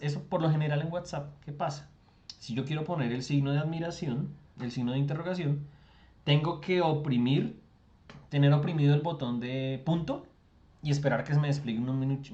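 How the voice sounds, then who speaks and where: Chatty tutor on a video call. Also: male voice, on the high side, warm tone, lo-fi sound. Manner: chatty, explains with rhetorical questions. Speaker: English tutor. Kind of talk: online class explanation.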